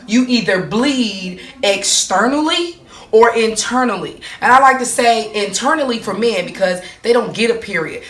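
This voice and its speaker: A woman's voice: on the high side, a bit bright, far from the mic. Chatty woman in an echoey room. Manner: asks herself rhetorical questions and answers them; checks in with "okay?" and "right?" after points. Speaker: vlogger explaining her monthly cycle. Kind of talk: casual explainer with a chart.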